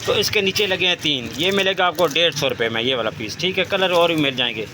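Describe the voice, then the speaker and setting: A man hosting a shop tour in a sales-pitch style, repeating each item and price as he presents it. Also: quick pace, slight background noise. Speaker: host presenting a wholesale shop's goods and prices.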